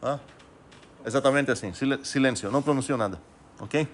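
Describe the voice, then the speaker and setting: A man's voice: medium pitch, normal speed, a little hiss or hum. A man giving a recorded math lecture, thinking aloud with many fillers and restarts and putting questions to the class. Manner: asks students rhetorical questions.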